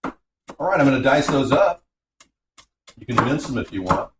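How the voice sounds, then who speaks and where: A man hosting a casual home cooking video in his kitchen, chatting in a relaxed, rambling way that drifts off topic. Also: mid-range voice, normal speed, background noise. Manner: relaxed, filler-heavy talk. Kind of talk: casual cooking vlog chat.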